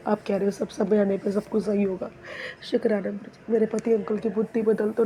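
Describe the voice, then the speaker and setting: A woman's voice: medium pitch, dark tone, slight background noise, poor audio. A young woman offering a repetitive, pleading devotional prayer of thanks.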